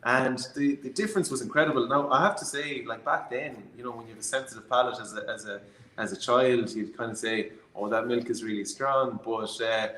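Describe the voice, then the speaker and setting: A man with a west of Ireland accent telling stories conversationally, in a reflective, hesitant way with many pauses. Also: medium pitch, steady tone, fairly bright tone. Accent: Irish, west of Ireland. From Galway, Ireland. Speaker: distillery founder being interviewed. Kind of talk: conversational storytelling. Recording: roomy, echoey sound.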